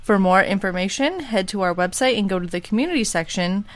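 A woman in her twenties, the show's producer, speaking briskly and friendly. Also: medium pitch, lively intonation, dry recording. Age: 20s. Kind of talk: casual podcast talk.

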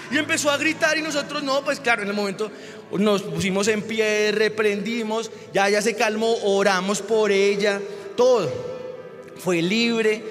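This pastor has a very high voice and preaches a sermon in a large hall. He tells a personal story with animated delivery that builds to shouted exclamations.

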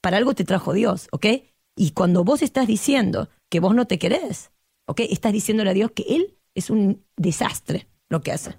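A woman speaking with an Argentine Spanish accent, a guest therapist in a podcast conversation who talks emphatically and passionately and acts out quotes with a lively voice. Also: medium pitch, normal speed, gravelly, breathy edge, dry recording, clean studio sound.

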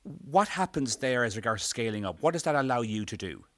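A man's voice: medium pitch, animated, brisk, a bit bright, no room sound. A man conducting a conversational business interview, putting his questions in a hesitant, roundabout way.

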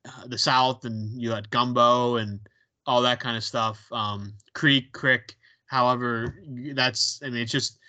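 On dull, lo-fi audio, a male podcast co-host with a Pittsburgh accent chats casually, rambling and restarting with plenty of ums. His voice is medium in pitch with a sharp tone.

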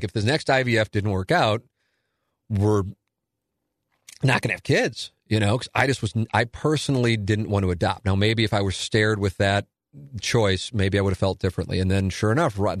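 A man's voice: fairly low pitch, brisk, no echo, studio quality. A man in his forties hosting a solo listener Q&A, talking in a candid, rambling, self-deprecating way. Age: 40s. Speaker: radio and podcast host.

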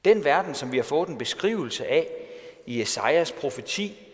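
A man's voice: on the high side, expressive. A male pastor giving a sermon in a storytelling way, asking rhetorical questions. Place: church. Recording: long church reverb.

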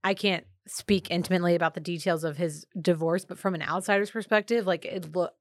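A woman's voice: fairly low pitch, fairly even intonation, fairly quick, no echo, studio quality. A woman co-hosting a casual advice podcast, chatty and opinionated, with many filler words. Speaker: podcast co-host.

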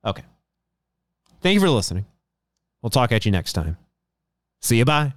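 A man's voice: medium pitch, very animated, moderate pace. A man hosting a podcast in casual chat, rambling and chatty, often restarting his sentences. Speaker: podcast host.

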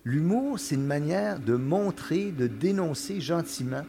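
A man's voice: fairly high pitch, big pitch swings, unhurried, gravelly, mellow. An older man, talking casually as a podcast guest, explaining ideas with frequent restarts and checks like "you understand?". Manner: explanatory, many restarts and "tu comprends". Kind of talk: casual conversation.

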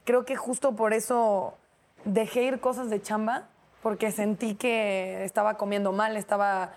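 A woman's voice: mid-range voice, fairly even intonation, unhurried, a little mellow. A woman with a Mexican accent, co-hosting and chatting casually about her own habits. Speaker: co-host. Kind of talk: casual chat.

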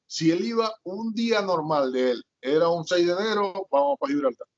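High-voiced and sing-song with vocal fry, a middle-aged man from Zulia, Venezuela, speaks at normal speed in Zulian-accented Spanish. He's an interview guest rambling through his life story with many fillers and restarts, recorded in dull lo-fi audio.

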